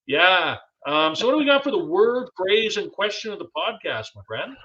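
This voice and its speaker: A man's voice: high-pitched, sing-song, moderate pace, sharp tone, dull audio. A man co-hosting a podcast in casual chat, a former English teacher who talks in a playful, wordy, jokey way. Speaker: podcast co-host.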